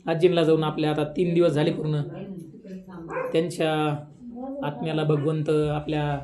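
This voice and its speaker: A man's voice: fairly high pitch, monotone, normal speed, crowd noise. A man, giving a devotional sermon at a village memorial gathering, talking conversationally and rising into emphatic questions. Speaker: kirtan preacher.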